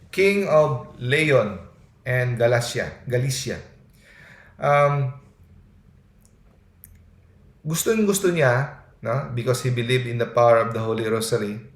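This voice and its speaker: A man's voice: medium pitch, expressive, slow, pauses often. A man giving an earnest sermon in mixed Tagalog and English, often tagging his points with a questioning "no?". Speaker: preacher. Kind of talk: Taglish sermon. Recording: echoey room.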